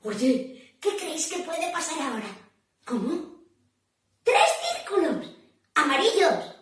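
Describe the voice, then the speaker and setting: A high-voiced woman tells a story to a room of children, swinging her pitch widely as she plays to the crowd. She talks at an unhurried pace, teasing and quizzing the listeners. Her voice comes some distance off and rings around a very echoey room. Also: lively intonation. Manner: playful, theatrical, asks the audience questions and laughs often. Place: public library room.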